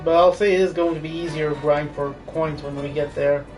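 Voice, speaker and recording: Brief: male streamer, slightly high voice, casual rambling live-play commentary. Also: steady tone, fairly quick, music in the background. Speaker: game streamer. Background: game audio.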